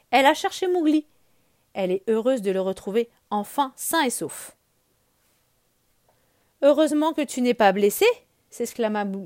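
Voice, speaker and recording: A woman storyteller reads a children's tale aloud. Her delivery is lively and expressive, rising with the action. The recording is close and dry, with no room sound. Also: medium pitch, no echo.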